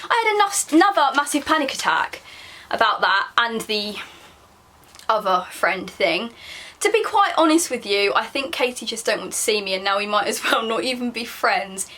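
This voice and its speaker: Bright, embarrassed young southern English woman reading aloud. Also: medium pitch, lively intonation, moderate pace. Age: young adult. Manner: embarrassed, self-mocking while reading aloud. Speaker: vlogger. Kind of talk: casual diary reading with asides.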